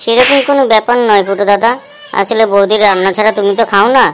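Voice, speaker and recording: A woman's voice: medium pitch, fairly even intonation, quick pace, noisy background, voice pushed down, close to an everyday voice. A woman voicing a deferential young male lackey in a cartoon, eager to please his boss. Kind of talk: cartoon voice acting.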